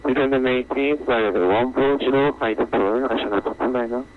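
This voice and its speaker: A man's voice: mid-range voice, brisk. A man speaking as a pilot on the radio, reading back instructions in clipped procedural phrases. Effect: radio transmission. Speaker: airline pilot on an online flight simulation network. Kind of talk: air traffic radio readbacks. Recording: muffled lo-fi radio with faint noise.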